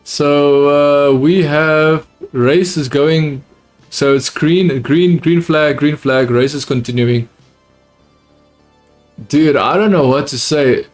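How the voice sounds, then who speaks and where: Watching a motor race on a livestream, a young man offers casual live commentary at a slow pace. English is not his native language, and his accent comes close to British without fully getting there. Excitable, he repeats himself and addresses viewers as "dude," with quiet music in the background.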